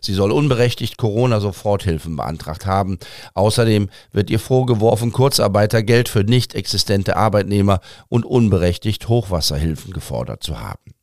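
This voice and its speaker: Low-pitched man presenting podcast news. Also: lively intonation, a little fast, a little mellow, no room sound, studio quality.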